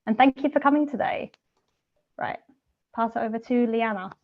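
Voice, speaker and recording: A woman's voice: fairly high pitch, moderate pace, narrow, tinny audio. A woman community builder introduces herself on a video call, friendly and casual.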